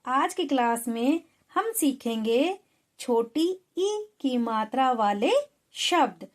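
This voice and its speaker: A woman's voice: sits high, darkish tone. A woman teaching a Hindi lesson to children, patiently sounding out syllables one by one.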